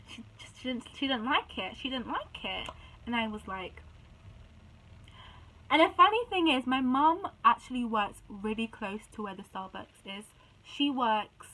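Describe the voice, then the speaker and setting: Bright-voiced young woman vlogger. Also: on the high side, poor audio. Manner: indignant, chatty storytelling with frequent restarts. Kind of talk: casual storytime chat.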